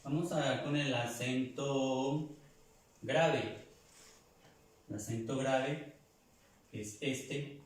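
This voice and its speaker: A man leads a language lesson at an unhurried pace, saying each word several times so listeners can copy it. His voice sits at a middle pitch and rings in a very echoey room. He sounds set back from the microphone. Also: fairly even intonation, distant mic. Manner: slow, repeats words to drill pronunciation. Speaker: teacher.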